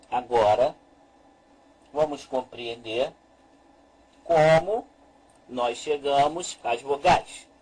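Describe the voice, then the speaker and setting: A man with a husky, slightly high voice delivers a recorded lesson. He speaks very slowly and deliberately, pausing and repeating each point as he goes through a chart. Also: low-quality recording. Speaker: Hebrew teacher.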